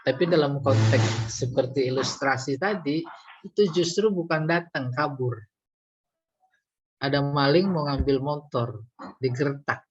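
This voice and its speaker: Man, religious study lecture, teasing and animated, husky voice, dull lo-fi recording. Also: a little high. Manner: teasing, animated, drills Arabic grammar terms. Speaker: Quran commentary teacher.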